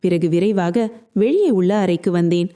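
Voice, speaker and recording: A woman narrating a scripted first-person story with a dark, mellow tone. She keeps a steady, even storytelling pace. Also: on the low side, moderate pace.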